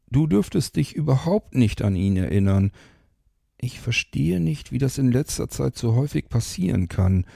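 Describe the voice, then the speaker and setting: A man voicing a gentle male sandman who speaks in a calm, low, reassuring way. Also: vocal fry, no room sound, clean studio sound. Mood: thoughtful.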